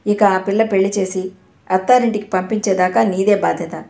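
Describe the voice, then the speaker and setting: A woman reading the part of a kindly older mother figure who speaks in a warm, reassuring way, in an echoey room. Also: medium pitch, steady tone, fairly quick, vocal fry, lightly acted. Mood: fond.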